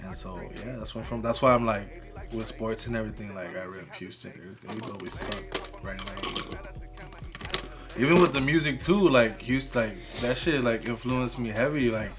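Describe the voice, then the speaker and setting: A man's voice: medium pitch, brisk. A man from Texas, a rapper guest, talking in a laid-back, slangy, joking way with casual cursing. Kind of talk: casual chat. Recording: music clearly audible behind. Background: music.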